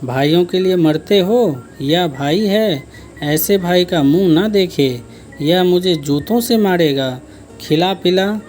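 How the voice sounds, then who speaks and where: Sharp-tongued village woman, a male reader doing her, defiant, mellow and slow, soft music behind. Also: high voice. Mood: defiant scolding. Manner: defiant, scolding.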